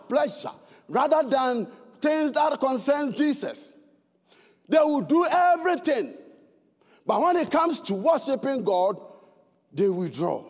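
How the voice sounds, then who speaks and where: A man with a Ghanaian accent preaching a sermon, swinging between fervent shouts and low, earnest tones. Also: big-room sound.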